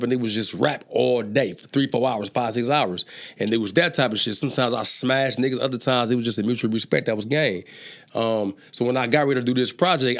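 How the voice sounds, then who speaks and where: Here a medium-pitched man, a rapper and entrepreneur, is the guest in a relaxed conversation. He spins stories using profane street slang, stammering through restarts whenever he gets worked up.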